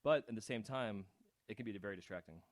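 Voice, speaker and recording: A man's voice: on the low side, quick pace, no room sound. A man hosting a podcast, chatting casually in a friendly, laid-back way with frequent "dude" asides. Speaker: podcast host.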